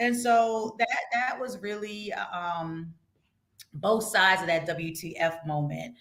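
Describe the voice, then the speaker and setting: Woman podcast host, casual and animated, blunt and emphatic, cusses freely. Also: medium pitch, slow pace.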